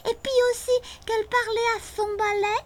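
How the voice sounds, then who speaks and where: A woman voicing an excitable little girl in a storybook, talking in breathless, tearful exclamations. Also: extremely high pitch, moderate pace, pitched above the performer's own voice. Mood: alarmed. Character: little girl neighbor, excitable, believing friend.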